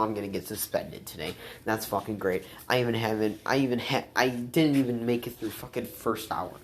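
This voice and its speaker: A woman's voice: extremely low pitch, slight background noise. A young woman telling a rambling, profane vlog story, full of restarts and fillers. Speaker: vlogger.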